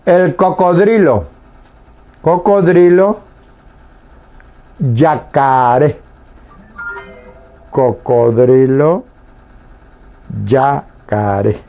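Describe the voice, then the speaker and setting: A man teaching a language lesson on the radio, saying each word slowly and repeating it twice with pauses. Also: medium pitch, warm tone. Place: radio studio.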